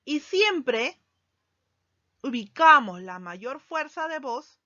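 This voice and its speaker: A woman teacher giving a recorded grammar lesson, speaking slowly and deliberately and stressing key words. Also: high voice, big pitch swings, pushed and bright, dry recording. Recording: dull lo-fi sound, dry.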